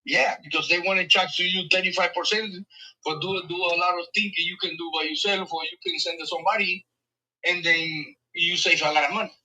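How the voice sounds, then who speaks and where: A man's voice: high-pitched, steady tone, fairly quick, sharp tone, far from the mic. An older man from the Dominican Republic, selling a property on a phone call, speaking in broken English with short firm refusals. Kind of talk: casual phone negotiation.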